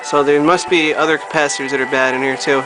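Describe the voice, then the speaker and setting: Working on vintage audio gear, this male hobbyist films himself with a handheld camera, thinking aloud informally through the repair. His fairly high voice is flat and fast, and the low-quality recording picks up music and crowd noise.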